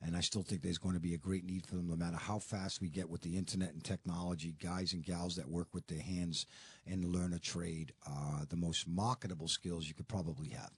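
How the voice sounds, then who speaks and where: A man's voice: deep voice, level tone, fairly quick, slightly rough, no room sound. A man hosting a local talk radio show, interviewing a business owner with chatty, joking asides.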